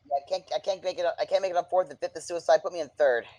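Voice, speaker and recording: A man's voice: on the high side, racing, darkish tone. Man thinking aloud over his move. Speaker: player. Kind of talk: casual game talk.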